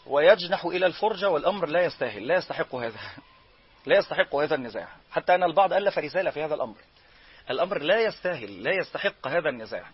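A man with an Egyptian accent teaching Quran recitation rules, explaining each rule and then chanting slow example verses. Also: on the high side, husky, dull audio. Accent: Egyptian Arabic. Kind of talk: tajweed lesson.

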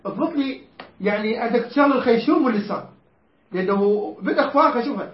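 A man with a very high voice teaches Quran recitation rules. He quizzes his students, corrects how they say each word and recites verses slowly and stretched out. The recording sounds roomy and a bit dull. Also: lively intonation. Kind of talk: tajweed lesson to students.

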